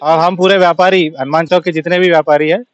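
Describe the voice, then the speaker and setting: An indignant male shopkeeper speaks in an emphatic street interview, his voice high for a man. The sound is somewhat dull and lo-fi. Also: fairly even intonation, fast talker, no room sound.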